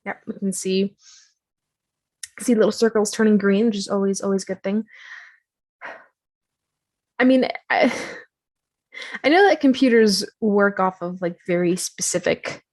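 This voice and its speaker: A woman casually walking viewers through a software tutorial on her screen, chatty and self-deprecating, with many fillers. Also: medium pitch, a little slow, pauses often.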